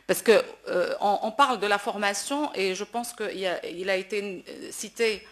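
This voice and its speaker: A Moroccan woman, a classical opera singer on a panel, speaks off the cuff at a public debate in a mid-range voice at a moderate pace. She is emphatic and repeats words as she searches for the right phrasing.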